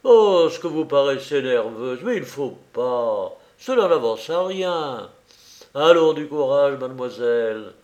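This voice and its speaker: Man voicing a gallant, teasing gentleman thief in a slow audiobook read. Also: mid-range voice, big pitch swings, muffled recording. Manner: gallant, playful. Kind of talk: audiobook reading.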